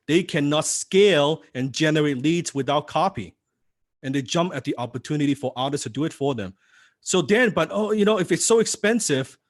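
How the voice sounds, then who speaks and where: In a live copywriting seminar, a man whose first language isn't English teaches while firing rhetorical questions at the audience. His voice is fairly high in pitch, and the recording is studio quality with no room sound.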